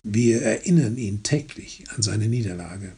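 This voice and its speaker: A man voicing a sick peasant father of about fifty, with a hoarse, raspy voice and a slow, reproachful way of lecturing his sons. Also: lowish voice, warm tone, full character voice. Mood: explaining. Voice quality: raspy, gravelly.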